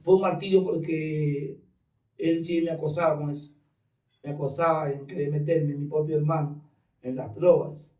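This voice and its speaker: Man, lively storytelling, dark warm timbre, echoey room, distant mic. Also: fairly high pitch, normal speed. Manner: animated storyteller acting out dialogue. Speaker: guest giving testimony. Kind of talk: personal testimony in conversation. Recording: roomy sound from off mic.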